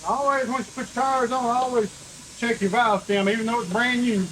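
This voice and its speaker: A man's voice: extremely high pitch, fairly even intonation, a little fast, fairly bright tone, slight background noise, poor audio. A man, joking around and giving practical tips while he works on an old truck in his shop. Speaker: custom shop owner, co-host. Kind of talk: casual shop vlog talk. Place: auto shop garage.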